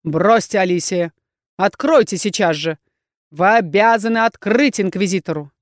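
A woman's voice: mid-range voice, moderate pace, no echo, clean studio sound, close to an everyday voice. Woman reading a smug mocking inquisitor lord. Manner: mocking, insolent, pushy.

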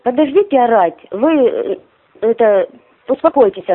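A woman's voice: a little high, expressive, normal speed. A woman answering a work phone, irritated and scolding callers. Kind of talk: phone conversation. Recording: tinny phone line.

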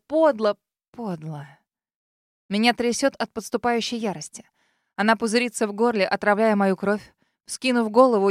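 A woman narrating a first-person fantasy audiobook in a dramatic, expressive way. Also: on the high side, no room sound, clean studio sound.

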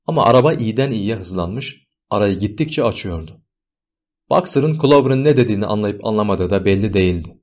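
Male audiobook reader, low-pitched, measured scripted narration. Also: expressive, darkish tone.

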